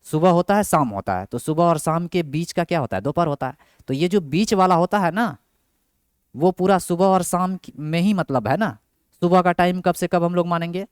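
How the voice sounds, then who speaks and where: A man's voice: sits high, moderate pace, clean tone, no room sound, studio quality. A young man teaching a grammar class, who keeps asking his own questions and answering them. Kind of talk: Hindi grammar lesson with English terms.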